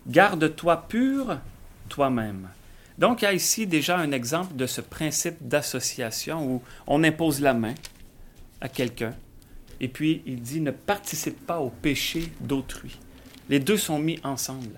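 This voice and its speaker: A man, reading Bible verses slowly and thinking aloud with some hesitation as he explains them. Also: fairly high pitch, animated. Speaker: Bible discussion speaker. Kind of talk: conversational Bible teaching.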